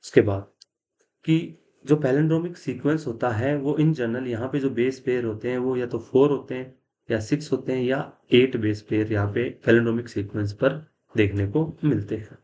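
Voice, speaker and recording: A male teacher gives a classroom biology lecture at a medium pitch. He talks the class through each step, puts questions to them and answers them himself. He slips English technical terms into his sentences. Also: moderate pace, warm tone, slight background noise. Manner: mixes English science terms into Hindi.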